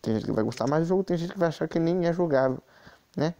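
Gravelly man commenting gameplay. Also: fairly high pitch, expressive, fast talker, mellow. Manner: chatty, many fillers and asides to the viewers. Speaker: mobile game channel host.

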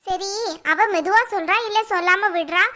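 Woman doing a bossy mother-in-law, bright. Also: very high-pitched, steady tone, normal speed. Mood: scolding. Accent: Tirunelveli Tamil. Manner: sharp, scolding. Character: scolding older mother-in-law, brisk and bossy. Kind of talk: cartoon voice acting.

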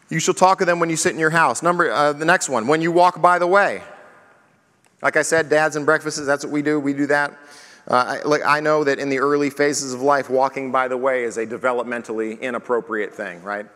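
A man preaching as pastor at a parenting conference, talking lively and acting out the questions he asks his children. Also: on the high side, in a large hall. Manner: animated, acts out questions to his kids.

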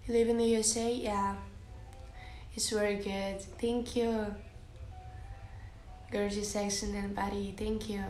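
A young Russian woman with a Russian accent livestreams from her bedroom on a phone held close while she lies on the bed, reading out and answering viewers' comments slowly and softly. She is giggly and fills her speech with "like" and "uh"; her medium-pitched voice stays level, the sound is roomy, and faint music plays behind her.

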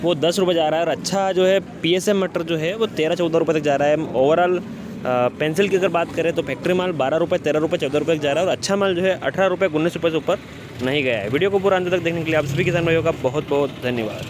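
A young man reports market prices to viewers at a very quick pace. His voice sits a little high, and he repeats stock fillers as he goes. He is recorded outdoors, with some market and vehicle noise behind him. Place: outdoors in an open produce market yard.

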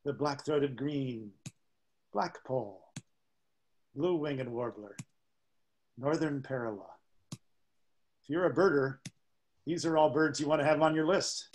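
A man presenting a seminar on songbirds, speaking in a halting, informal lecture style with frequent fillers and imitating bird songs aloud. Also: mid-range voice, poor audio.

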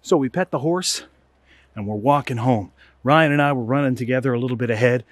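A middle-aged man, telling a funny personal story in an animated, comic way. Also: mid-range voice, a little fast, no echo, faint music behind. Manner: animated, comic, builds to excited outbursts. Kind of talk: casual spoken storytelling.

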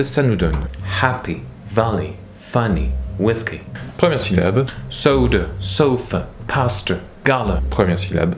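A man of middle pitch gives a scripted lesson on English pronunciation, explaining carefully and slipping in dry jokes. Faint room ambience sits behind his voice. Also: a little mellow, slight background noise. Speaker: English pronunciation teacher and channel host. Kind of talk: scripted educational narration.

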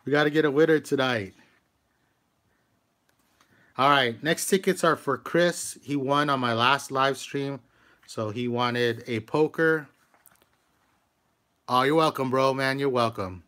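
A man's voice: mid-range voice, a little slow, bright, forceful tone. A man hosting a live stream, scratching lottery tickets, greeting viewers by name and urging each ticket on. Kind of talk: casual live-stream commentary.

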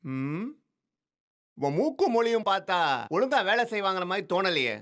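A curt, skeptical company boss. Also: male voice, high voice, big pitch swings, normal speed, a bit bright, a little hiss or hum. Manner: curt, dismissive. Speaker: company managing director. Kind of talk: comedy film acting.

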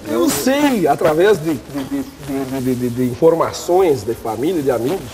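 Hosting a laid-back cooking show from a showroom kitchen, this man speaks a little slowly in a mid-range, very animated voice. His talk is chatty, full of fillers and restarts, over background music, and the recording is rough.

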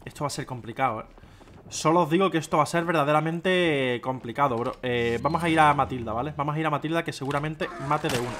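A young man with a Spain Spanish accent giving casual, excitable gaming commentary, swearing and talking to his viewers. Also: a little high, fast, slight background noise. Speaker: gameplay streamer. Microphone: desk microphone.

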